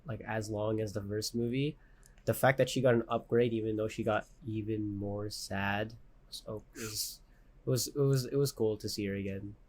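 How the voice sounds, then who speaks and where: A man's voice: lowish voice, fairly even intonation, normal speed. A man co-hosting a casual podcast, laid-back and giving brief answers. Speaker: podcast co-host. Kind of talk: casual chat.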